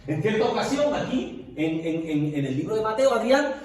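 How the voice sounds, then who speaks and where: A man's voice: fairly high pitch, sing-song, normal speed, darkish tone. A man teaching an informal Bible class to a group in Spanish, conversational and full of questions to his listeners. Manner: conversational, asks the class questions, many filler checks. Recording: echoey room, distant mic.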